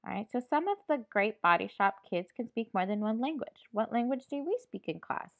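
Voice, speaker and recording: A woman's voice: a little high, lively intonation, moderate pace, creaky. A woman teacher reading a picture book aloud to her class and patiently checking in with the children. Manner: patient, checks in with frequent "all right". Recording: dull lo-fi recording.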